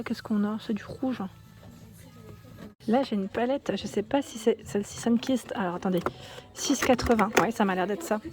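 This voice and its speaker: A woman with a French accent walks through a shop filming a vlog, reading out prices and chatting as she looks at products. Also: a little high. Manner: chatty, reads prices aloud, thinks out loud. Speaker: shopping haul vlogger. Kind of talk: casual store walkthrough vlog. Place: indoors in a shop under ceiling spotlights.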